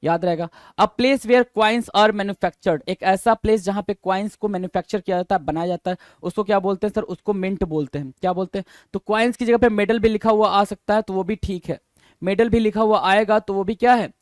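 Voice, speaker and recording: Man, high-pitched, vocabulary teacher, exam-prep lesson, drills and spells out answers, dry close sound. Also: dry recording. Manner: quizzes students with repeated questions, spells words letter by letter; reads English definitions slowly, then explains in Hindi.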